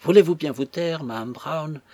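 A man voicing a put-upon young knife-grinder who whines and complains, with a husky voice. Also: mid-range voice, very animated, normal speed, no room sound. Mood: exasperated. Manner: whining, exasperated.

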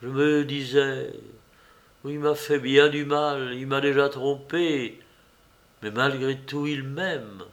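Wounded, proud young woman, hushed and pained, slow storybook pace, read by a man. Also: medium pitch, fairly even intonation.

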